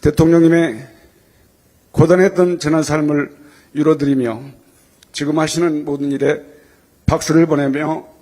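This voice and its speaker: Male, fairly high voice, community leader reading a ceremonial welcome address, earnest and respectful. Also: fairly even intonation, moderate pace, pauses often, mellow. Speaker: Korean community association president giving a welcome address. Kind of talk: formal prepared speech.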